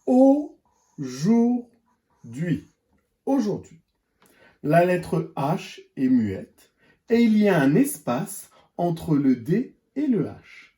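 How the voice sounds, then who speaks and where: A teacher records a reading lesson for young children, pacing each word very slowly and repeating it for the class. The voice is husky and a little breathy, and the pitch rises and falls in a lively, sing-song way. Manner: slow, deliberate, repeats and stretches words. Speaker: primary school teacher.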